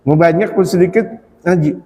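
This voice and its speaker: Male preacher, lively sermon delivery, mellow voice, long reverb of a prayer hall. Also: sits high. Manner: animated, repeats phrases, chants prayers slowly.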